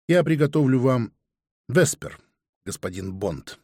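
A haughty, impassive older butler, formal and restrained in every word, as a man reads him in an audiobook. The voice sits at a middle pitch and is recorded dry and close. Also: expressive, unhurried, mellow, no echo.

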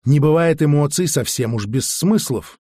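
A man's voice: a little high, animated, moderate pace, warm tone, no echo, studio quality. A man doing a haughty alien lecturer. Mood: lecturing. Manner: curt, lecturing. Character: haughty alien male researcher.

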